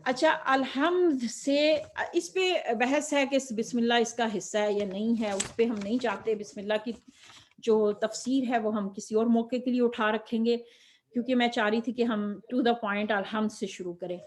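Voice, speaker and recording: A woman's voice: fairly high pitch, steady tone, moderate pace, slight background noise. A woman giving a religious lecture to other women, explaining step by step with rhetorical questions and slipping in English words. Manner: mixes Urdu with English words. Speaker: Quran teacher.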